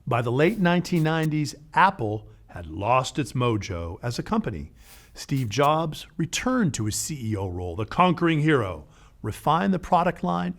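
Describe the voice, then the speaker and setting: A man hosting an educational show, narrating a script in a lively way with playful asides. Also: medium pitch. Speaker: podcast host.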